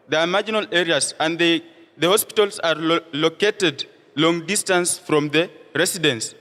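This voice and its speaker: A man's voice: on the high side, pushed and bright. A tired Kenyan teenage boy answering debate questions hesitantly, with many fillers and tag questions. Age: late teens. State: tired and hungry. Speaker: student debater. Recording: reverberant school hall.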